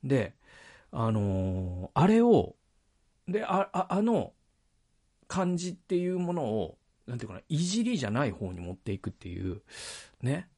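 Man, solo podcast monologue, lively rising and falling pitch, rambling, hesitant, self-correcting. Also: moderate pace, breathy edge. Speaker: podcast host. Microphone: speaking into a microphone.

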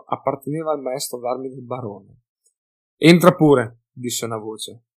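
A man narrates a fantasy audiobook with a mid-pitched, everyday voice. His storytelling is measured and even between the characters' lines. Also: slightly rough.

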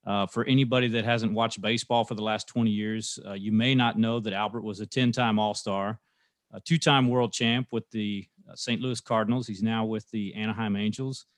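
A man's voice: on the low side, fairly even intonation, normal speed, dry recording, clean studio sound. A man hosting an interview podcast, friendly and talking with frequent fillers. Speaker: podcast host.

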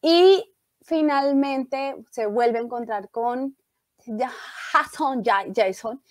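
A young woman casually retelling a tragedy, lively and acting out the lines she quotes. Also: high voice, slow, no room sound. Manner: animated storytelling, acts out quoted lines.

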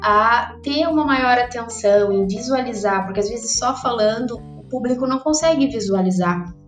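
A woman's voice: on the high side, animated, moderate pace, roomy sound, faint music behind. A woman coaching public speaking in a casual, conversational way, often checking in with her listeners. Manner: conversational, often tags "né?" and addresses viewers directly. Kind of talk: casual instructional talk.

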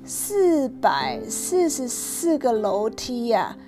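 A woman's voice: on the high side, huge pitch swings, very slow, music in the background, full character voice. A woman putting on an eager pleading little kid. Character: eager pleading little child who wants a dog.

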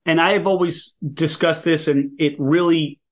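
An enthusiastic podcast host, a man with a Philadelphia accent. His voice sits a little high for a man, and he talks in an animated, eager way during a casual chat. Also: moderate pace. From Philadelphia area, US.

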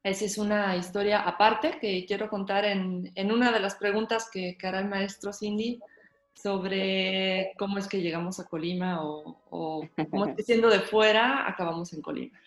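A woman's voice: medium pitch, steady tone, normal speed. A woman, a pianist guest, explaining her story thoughtfully and at length in casual conversation. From Mexico, born in Russia. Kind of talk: casual interview chat. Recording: roomy echo.

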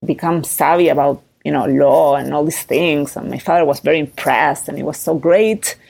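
Speaking at a moderate pace with vocal fry, a Chilean-accented woman in her thirties, founder of a startup, chats animatedly through an interview. Her low voice has a darkish tone, and she fills her talk with fillers and rising tags.

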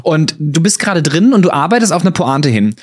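A man's voice: fairly high pitch, very animated, a little fast, husky. A man co-hosting a casual podcast, reasoning at length about hecklers in long, explanatory sentences. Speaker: podcast co-host, YouTuber.

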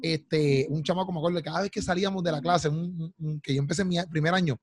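A young man with a Puerto Rican accent, telling animated stories in a casual chat and calling his friends "loco" and "papi". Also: fairly high pitch, fast, breathy edge, dry recording, studio quality. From Puerto Rico. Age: young adult.

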